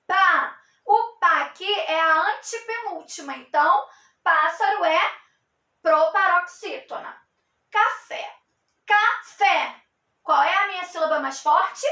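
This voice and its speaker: Slow, high-voiced woman teacher. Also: pushed and bright, roomy sound. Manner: slow, clearly paced, stretching out syllables; asks questions, then answers them. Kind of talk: school review lesson for children.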